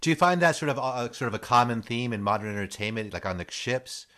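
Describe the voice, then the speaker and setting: A man conducts a relaxed interview, circling around his questions with plenty of hedges and restarts. His voice sits at an ordinary middle pitch. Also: quick pace. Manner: rambling, hedging questions.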